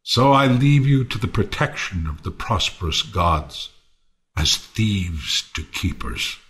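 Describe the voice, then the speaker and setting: An actor playing Timon, a bitter, world-weary misanthrope, theatrically mournful and ranting in a Shakespearean audio play. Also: male voice, low-pitched, very animated, takes it slowly, full character voice. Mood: scornful, defiant. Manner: theatrical, swinging from quiet to declaiming.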